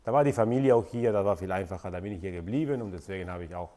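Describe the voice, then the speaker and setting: A man's voice: sits low, racing, mellow. Man talking in a reverberant room. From Argentina. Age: 40s. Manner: hesitant, many fillers and restarts. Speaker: company founder and channel host. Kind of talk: casual Q&A to camera.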